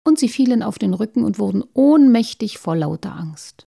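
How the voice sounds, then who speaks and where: A woman reading a children's story aloud, expressive and sometimes dropping to a whisper. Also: mid-range voice, moderate pace, gravelly, slightly rough.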